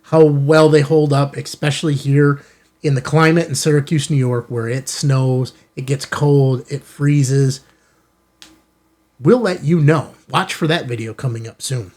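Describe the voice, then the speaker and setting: An American man hosts a ham radio channel from an indoor studio in an office building, his mid-range voice steady, a little slow and a little mellow. He chats informally with viewers while unboxing and showing off gear.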